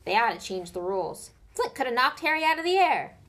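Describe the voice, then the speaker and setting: A woman voicing Hagrid, a big gruff homely giant of a man who talks in rough, dropped-letter country speech. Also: a little high, very animated, fairly quick, a bit bright, pitched above the performer's own voice.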